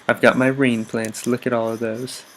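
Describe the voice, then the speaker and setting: A young gaming YouTuber does casual Let's Play commentary, rambling upbeat with lots of ums and frequent self-corrections. His slightly stuffy, congested voice is mid-range and gravelly, with little pitch movement and a normal speed. A desk mic picks him up over a faint hiss.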